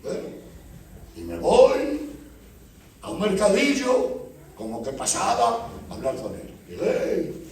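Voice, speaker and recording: A man's voice: high-pitched, wildly swooping pitch, slow, long pauses, darkish tone. A man preaching a sermon as pastor, telling stories and acting out dialogue with churchgoers. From Spain. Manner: storytelling, acts out dialogue with church members. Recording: echoey church hall from far off.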